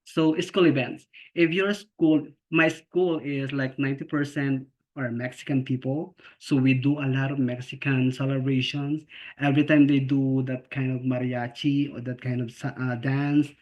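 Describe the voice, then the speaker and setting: Over slightly dull, lo-fi video call audio, a special education teacher from the Philippines gives an earnest, casual talk. His mid-range, darkish voice stays level at a normal speed, and his Filipino accent reflects a first language other than English. He often restarts and repeats words, checking in with "okay?" and "right?"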